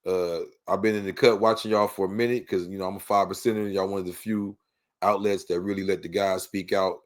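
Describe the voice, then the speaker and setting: Deep-voiced Los man, laid-back. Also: steady tone, brisk. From Los Angeles. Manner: laid-back and rambling, heavy on "you know what I'm saying". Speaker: guest. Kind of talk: casual interview talk.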